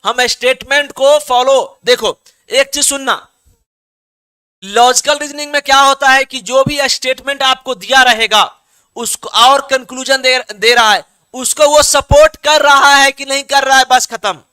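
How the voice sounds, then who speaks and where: A man with a very high, bright, clear voice teaching an online exam-prep class. He reads students' answers aloud, coaxes them to reply, and keeps checking they follow. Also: steady tone, unhurried. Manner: coaxing, repetitive, checks understanding often.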